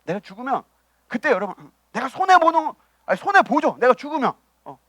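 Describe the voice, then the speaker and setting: A man preaching a sermon as pastor, asking the congregation questions and swinging between loud emphasis and quiet asides. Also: very high-pitched, big pitch swings, fairly quick, no room sound. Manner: preaching with rhetorical questions and acted quotes. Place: church.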